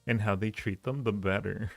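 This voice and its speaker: Chatting with his livestream viewers and rating their ideas, a man rambles casually and keeps repeating phrases. His lowish voice has vocal fry, fairly even intonation and normal speed, heard in a roomy echo over faint background music.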